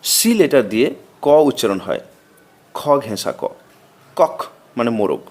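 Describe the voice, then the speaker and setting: Man, native Bengali speaker, grammar lesson, methodical recitation, lively rising and falling pitch. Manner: slow, methodical recitation of letters and meanings. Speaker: teacher. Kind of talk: reading a grammar lesson aloud.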